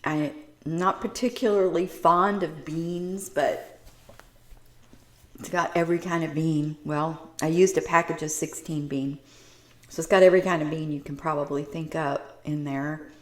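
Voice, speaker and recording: A woman's voice: low voice, fairly even intonation, unhurried, echoey room. A woman vlogger chatting casually to her viewers while eating in her home kitchen, savoring each bite. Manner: chatty, savoring food, talks between bites. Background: clinking dishes and cutlery.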